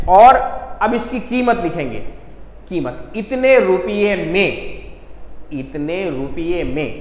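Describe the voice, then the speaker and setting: A man teaching an English lesson, explaining slowly and repeating key points for emphasis. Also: sits high, reverberant, big-room sound, poor audio. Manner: slow, repetitive explaining with frequent emphasis. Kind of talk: classroom lesson.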